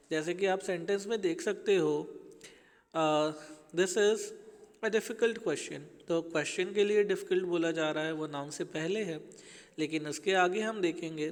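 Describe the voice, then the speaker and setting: A man's voice: a little high, in a large hall. A man teaching an English grammar lesson to schoolchildren, explaining patiently and speaking to them as children.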